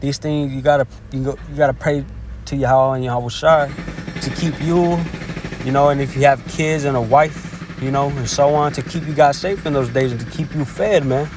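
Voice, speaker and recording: A man giving a casual scripture teaching as a lay preacher. He peppers his talk with "man" and "hey", stumbles and restarts often, and reads verses slowly and haltingly. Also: medium pitch, steady tone, background noise.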